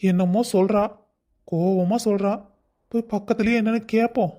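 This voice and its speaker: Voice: mid-range voice, steady tone, normal speed, warm tone, natural voice. A performer voicing a mild, easygoing older father-in-law in a cartoon story. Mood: muttering.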